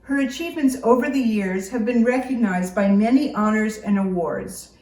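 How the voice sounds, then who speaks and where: A woman giving a formal, scripted podium speech introduction in a measured, read-out delivery. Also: fairly high pitch, a little mellow. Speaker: academic introducing a keynote speaker. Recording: roomy echo, distant microphone.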